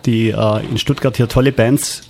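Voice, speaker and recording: Male guest, mid-pitched, chatty anecdotes, lots of ums. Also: fairly even intonation, normal speed, gravelly, a little mellow. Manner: anecdotal, hesitant with many fillers. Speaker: audiobook producer, guest. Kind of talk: casual interview talk.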